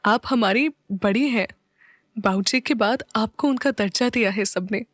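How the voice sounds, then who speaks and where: Woman doing a gentle consoling housewife. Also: on the high side, measured pace, dry recording. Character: caring middle-aged housewife, gentle and soothing.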